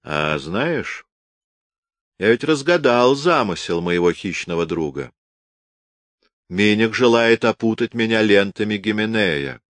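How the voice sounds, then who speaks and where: A man's voice: fairly low pitch, lively intonation, unhurried, fairly bright tone, dry recording, voice pushed up. A man voicing a cunning, mocking count in a historical audiobook. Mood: sly.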